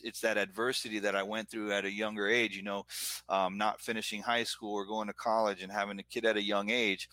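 A middle-aged man from Florida with an American accent, a guest who runs businesses as an entrepreneur, speaks earnestly and at length about himself in a casual, reflective chat. His voice is lowish with a sharp tone, and there's no room sound.

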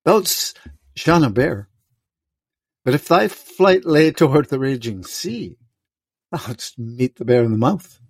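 An aging, raging king in a storm, as a man reads him aloud. The lines come slow and weighty, with long pauses between phrases. The voice is close and dry, with no room around it. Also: mid-range voice, lively intonation, dry recording. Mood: anguished. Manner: slow, declaiming verse with heavy pauses. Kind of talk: reading a play aloud.

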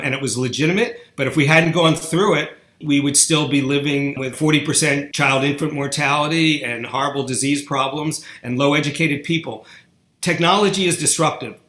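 Interview guest, male, blunt and argumentative, bright tone, roomy echo. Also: fairly high pitch. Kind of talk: interview answers. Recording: echoey room.

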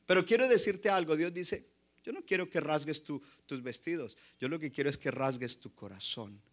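A man delivers a passionate sermon from the pulpit, his voice sitting a little high for a man. He slips English phrases into his preaching. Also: normal speed. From Colombia. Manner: impassioned, mixes in English phrases. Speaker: pastor.

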